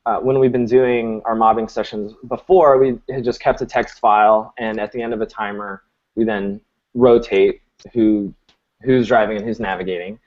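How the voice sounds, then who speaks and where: A man's voice: lowish voice, steady tone, normal speed, darkish tone. A man hosting a live coding stream on a video call, talking casually and thinking aloud with restarts. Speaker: host. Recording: muffled lo-fi audio.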